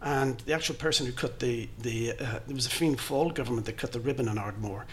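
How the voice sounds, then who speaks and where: A man's voice: mid-range voice, fast talker. An Irish-accented man explaining in a conversational, discursive way, circling back and repeating words as he goes. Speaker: interview guest, film historian. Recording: clear background noise, ambient sound.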